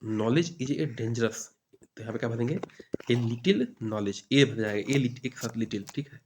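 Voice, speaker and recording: Against a noisy background, a man with an expressive, mid-range voice teaches grammar for exams. He reads each English question slowly and explains it in Hindi, dropping in "ठीक है" again and again.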